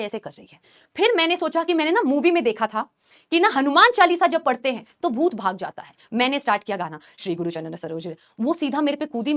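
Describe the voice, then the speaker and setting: A woman teacher telling a story to her students in a live class, animated and acting out the scenes. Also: high voice. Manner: animated, acts out scenes and shrieks.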